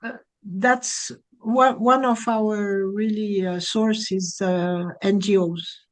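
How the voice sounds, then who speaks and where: Slow-talking woman speaker. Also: mid-range voice, fairly even intonation. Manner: halting, many pauses and fillers, non-native phrasing. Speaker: training speaker. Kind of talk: Q&A answer at a training session.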